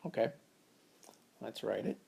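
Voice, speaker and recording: A man's voice: unhurried, warm tone. A man teaching a reading lesson, patiently explaining step by step how to split words into syllables. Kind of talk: phonics lesson at a whiteboard.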